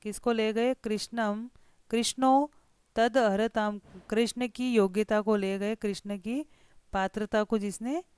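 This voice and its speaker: Female teacher, patient word-by-word explainer, smooth dry close voice. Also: mid-range voice, a little mellow, no echo. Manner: slow deliberate word-by-word explanation. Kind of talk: explaining a textbook lesson line by line.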